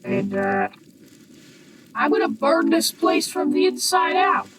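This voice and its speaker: A woman streamer using a deep voice changer, casually and playfully narrating her gameplay. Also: sing-song, takes it slowly, recorded from a distance. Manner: playful, self-narrating, jokey.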